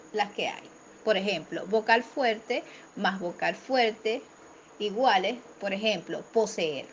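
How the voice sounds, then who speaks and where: A woman teacher reading a grammar lesson aloud in a steady, careful way, slowing down for example words. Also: medium pitch, slight background noise.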